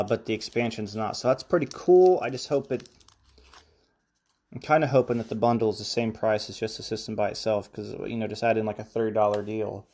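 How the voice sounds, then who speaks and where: Mellow-voiced man rambling through gaming news. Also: fairly low pitch. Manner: rambling, chatty, filler-heavy news recap. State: coughing, chewing cough drops. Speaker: podcast host. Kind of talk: casual solo podcast chat.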